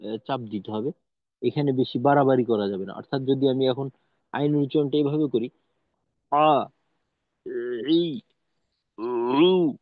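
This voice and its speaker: A man's voice: medium pitch, fast, no room sound. A man teaching Quran pronunciation in an online lesson, explaining patiently and demonstrating sounds. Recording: dry, tinny phone-like audio.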